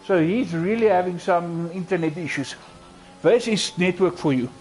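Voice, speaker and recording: A man's voice: high-pitched, moderate pace, darkish tone, faint music behind. A South African man with an Afrikaans accent, giving casual live commentary on a sim racing stream. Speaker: esports race commentator.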